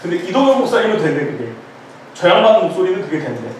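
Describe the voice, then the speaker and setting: Loud, lively Korean pastor in an echoey church. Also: male voice, high voice, quick pace. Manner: animated, joking storytelling, calls himself loud. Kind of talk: informal sermon at a prayer meeting. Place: church sanctuary. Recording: echoey church hall, distant mic, faint noise.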